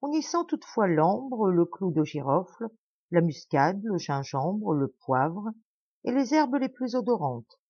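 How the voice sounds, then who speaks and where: A woman's voice: mid-range voice, sing-song, measured pace, dark tone, husky, dry recording, muffled recording, exaggerated voice. A woman voicing a starving, polite poor man who effusively praises imaginary food for his host, in an audiobook tale.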